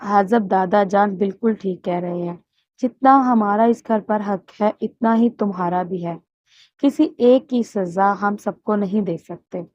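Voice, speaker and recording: A woman voicing a fair-minded young man who speaks calmly and reasonably, in a dull, muffled recording. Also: medium pitch, dry recording, natural voice.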